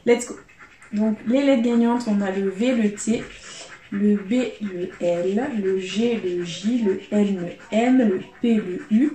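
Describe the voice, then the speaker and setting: A woman's voice: medium pitch, slow, warm tone, roomy sound. A woman casually commenting as she scratches lottery tickets, chatty with her viewers and spelling out letters one by one. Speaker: YouTube scratch-card vlogger.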